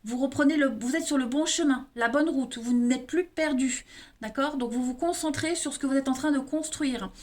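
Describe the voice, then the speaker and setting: A woman's voice: high voice, moderate pace, darkish tone. A woman with an eastern French accent giving a monthly tarot card reading, talking straight to viewers and often tagging her sentences with "hein". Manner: addresses viewers directly, frequent tag "hein". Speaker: tarot reader.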